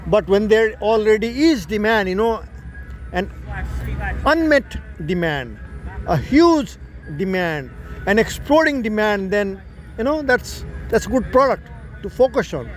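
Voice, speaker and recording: A man with a notably high speaking voice explains his tech venture in a loose, casual monologue. He circles back and rephrases points to make them clear. Faint traffic and street sounds hum in the background. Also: expressive, measured pace. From Nepal. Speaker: founder explaining his startup.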